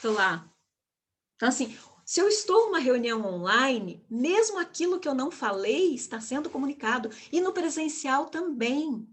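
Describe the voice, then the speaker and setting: A woman's voice: high voice, big pitch swings, normal speed. A woman giving an online lecture on public speaking, emphatic and full of rhetorical questions. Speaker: communication speaker, guest of an online live.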